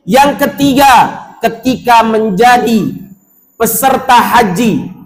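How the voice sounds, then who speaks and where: A man's voice: extremely high pitch, slow. A man preaches to pilgrims in a mosque. He urges them on, acts out their doubts, and chants Arabic passages. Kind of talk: sermon to pilgrims.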